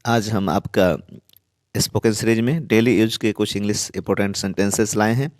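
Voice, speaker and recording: A man teaching spoken English, saying each sentence slowly and repeating it for learners. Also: on the low side, steady tone, a little mellow, no room sound, clean studio sound.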